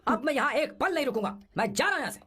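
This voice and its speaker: A man's voice: very high-pitched, animated, racing, pushed and bright, heavily acted. A man voicing a moody, hot-headed young hero in a dubbed film. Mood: angry. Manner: curt, then pleading. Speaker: lead hero.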